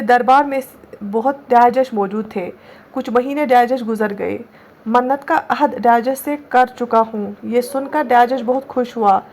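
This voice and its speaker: Patient higher-voiced woman teaching slowly. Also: a little mellow. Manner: patient, repeats words slowly, often checks with "theek hai". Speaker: Urdu teacher. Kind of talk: online exam-prep lesson.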